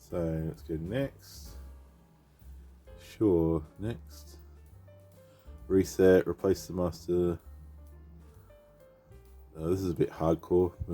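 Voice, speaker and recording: The speaker is a PC repair vlogger with a cold, casually thinking out loud and reading screen text as he repairs a machine. His voice sits low, slightly rough and a little mellow.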